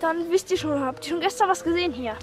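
A woman playing a hoarse, crude 66-year-old mom. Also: very high voice, fast talker. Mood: chatty. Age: 60s. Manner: talks quietly so she won't wake the neighbours; rambling and crude. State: hoarse from a cold. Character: 66-year-old woman, a brash, scatterbrained mother. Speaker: title character. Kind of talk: comedy sketch interview. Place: outdoors on a steep street in the rain.

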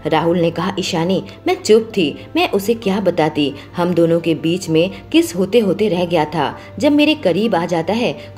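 A woman narrates a romantic audio story with a steady, expressive delivery. Her voice sits at a middle pitch. Soft music runs quietly beneath her.

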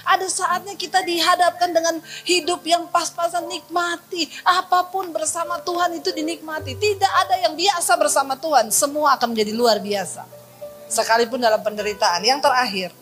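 A middle-aged woman pastor preaching a sermon, chatty and animated, acting out bits of dialogue as she tells stories. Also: very high voice, moderate pace, faint music behind. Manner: animated, chatty storyteller who acts out dialogue. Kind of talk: sermon with storytelling.

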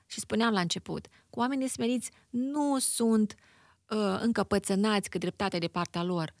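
A woman psychologist, a guest in a conversational interview, explaining in an expressive, animated way and acting out everyday examples. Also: medium pitch, dry recording, studio quality.

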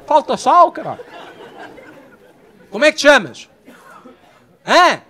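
A young man with a Portuguese accent doing live stand-up, bantering loudly with the audience and swearing freely. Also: very high-pitched, very animated, slow pace. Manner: loud, profane banter with the audience. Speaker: stand-up comedian. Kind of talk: live stand-up with crowd work. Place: comedy stage before a live audience. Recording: live show with faint crowd noise.

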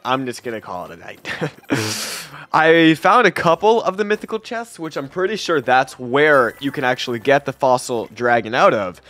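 A young man giving casual gameplay commentary, chatty and quick to laugh, often trailing off quietly at the ends of sentences. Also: mid-range voice. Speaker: gaming YouTuber.

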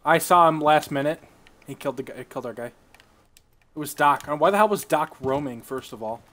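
A man's voice: fairly high pitch, normal speed, a bit bright. A young man streaming a game, chatting casually with friends, joking crudely and swearing a lot. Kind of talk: casual gaming chat with friends.

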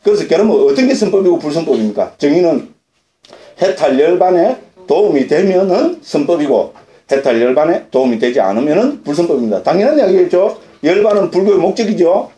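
A man's voice: a little high, sing-song, fairly quick, mellow. A man, a Korean Buddhist monk, giving a dharma lecture, often asking and answering his own questions and checking agreement with short tag questions. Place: lecture hall at a Buddhist center. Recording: roomy lecture-hall audio recording.

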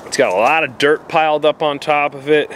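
Brisk and fairly high-pitched, this man's voice has a fairly bright tone over a little hiss or hum. An outdoor explorer vlogger with a New Jersey accent, he walks through the woods talking into a handheld camera, casually describing what he finds in plain narration full of fillers.

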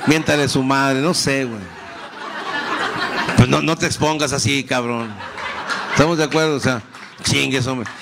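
A middle-aged Mexican man doing profane, animated stand-up storytelling. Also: mid-range voice, normal speed, creaky, long pauses, background noise. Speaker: comedian. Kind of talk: stand-up comedy.

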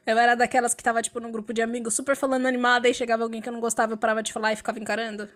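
A young adult woman co-hosting a podcast, chatting casually in an animated, self-assured way with frequent laughter. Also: on the high side, racing, a little hiss or hum. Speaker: podcast co-host.

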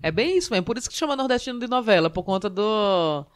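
A woman from Northeast Brazil with a Northeastern Brazilian accent, a stand-up comedian telling stories in a casual podcast chat, animated and full of acted quotes. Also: mid-range voice, quick pace.

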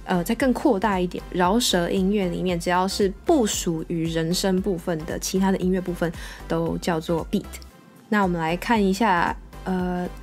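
Speaking with a lowish voice and a Taiwanese Mandarin accent, a woman teaches music vocabulary patiently, going over English terms slowly and repeatedly.

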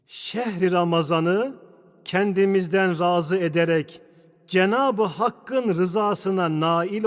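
Guy preaching a formal sermon, really slow and declamatory, big cathedral echo all over it. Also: sits high. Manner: measured, declamatory, with deliberate pauses between phrases. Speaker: preacher delivering a Friday sermon. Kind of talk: formal sermon, solemn oratory. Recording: long cathedral-like echo of a large hall.

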